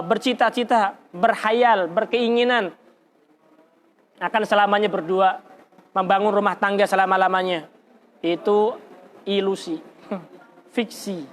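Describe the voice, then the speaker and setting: A man's voice: sits high, a little hiss or hum. A man giving a religious study lecture in a casual, teasing way, often laughing and asking rhetorical questions. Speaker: Islamic teacher.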